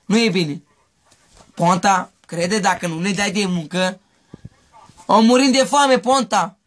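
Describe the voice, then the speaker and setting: A man from Mehedinți in a street interview, rambling and repeating his pleas over and over. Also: high voice. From Mehedinți, Romania. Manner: rambling, repetitive pleading.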